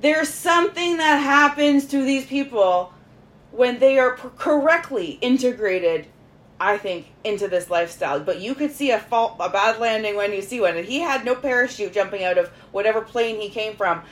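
A woman telling a story casually among friends, animated and emphatic, swearing freely and acting out what was said. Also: a little high, moderate pace. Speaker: podcast host.

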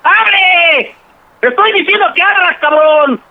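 A man playing a furious, jealous husband with a Mexican accent, shouting crude threats through a door in a radio prank sketch. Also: very high voice, fairly quick. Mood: enraged. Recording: noisy tinny phone line with music.

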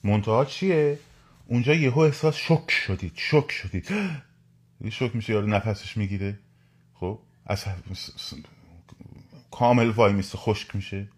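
A man talks to his listeners in a live stream. His voice sits somewhat low, and he presses his points hard, repeating them and asking his audience outright to act. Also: slightly rough. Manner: animated, repetitive, urging listeners directly. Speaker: podcast host.

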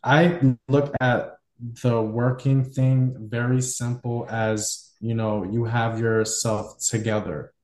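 A man's voice: mid-range voice, little pitch movement, slow pace, darkish tone, echoey room. A man hosting a podcast, musing at length in casual conversation with many fillers. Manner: reflective, loosely structured, many fillers. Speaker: podcast host.

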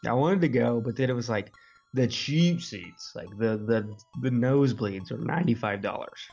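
A man's voice: medium pitch, normal speed, gravelly, darkish tone, slightly rough, dull audio, soft background music. Easygoing male podcast co-host. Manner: easygoing, rambling storyteller. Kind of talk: casual podcast chat.

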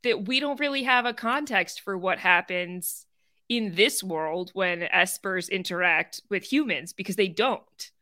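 A woman co-hosting a casual podcast about a video game, relaxed and agreeable, with wry remarks. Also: mid-range voice, unhurried. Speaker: podcast co-host.

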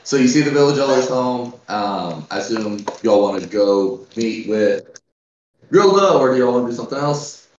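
A man running a tabletop game as game master, narrating casually with halting, informal, folksy phrasing. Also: mid-range voice, expressive, slight background noise. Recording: roomy, dull, distant from mic.

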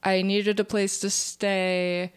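A woman's voice: mid-range voice, level tone, slow pace, smooth. A young woman, a comedian guest on a podcast, telling a rambling story in casual chat, full of fillers and restarts.

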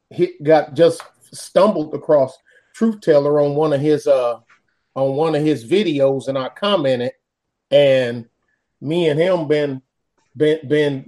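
Slightly high-voiced man, halting casual chat. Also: warm tone. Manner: halting, repeats words, folksy.

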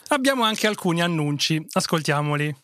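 A man's voice: fairly high pitch, animated, fairly quick, pushed and bright, no room sound, studio quality. A man hosting a casual comic talk show, speaking in a colloquial, joking way. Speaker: podcast host.

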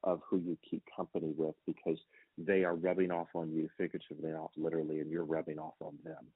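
Deep husky man on a phone line. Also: quick pace, no room sound. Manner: earnest, preachy, uses rhetorical questions. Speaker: motivational speaker guest. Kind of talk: interview answers. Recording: dry tinny phone-like sound.

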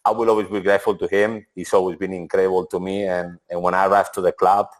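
The recording is low quality, and the man sits low in pitch with a flat, fast delivery. In his forties and a former footballer, he gives relaxed interview answers in non-native English with frequent restarts and "to be honest."

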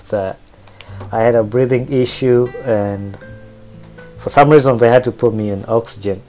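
A Ugandan man around thirty, hosting a podcast and casually telling his own life story in an unhurried way with pauses and fillers. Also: on the low side, a little mellow. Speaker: podcast host.

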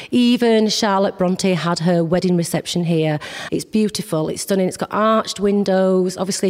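A woman's voice: fairly low pitch, a little mellow. A woman, a local events organiser, chatting in an interview with many hesitant fillers, in a big echoey old schoolroom. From West Yorkshire. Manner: friendly, lots of hesitant fillers. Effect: big echoey hall. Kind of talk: casual interview chat. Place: large old stone schoolroom with arched windows. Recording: long hall reverb.

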